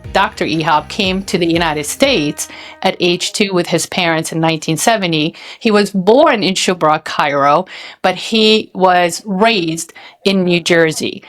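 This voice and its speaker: Woman podcast host from Saudi Arabia; lowish voice, measured delivery, faint music bed. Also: fairly bright tone. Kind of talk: casual podcast chat.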